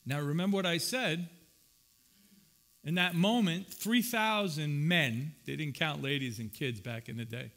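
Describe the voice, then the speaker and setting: A male pastor preaching a sermon. He swings from shouted lines to hushed asides and keeps asking the congregation questions and joking with them. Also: on the high side, a little slow. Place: church.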